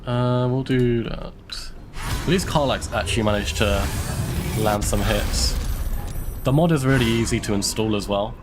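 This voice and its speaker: Over music, a young man speaks in a mid-range voice, a little slowly, giving casual commentary as he streams a game live. He's from the United Kingdom with a London English accent, congested from a cold, chatty, often laughing, and thinking out loud.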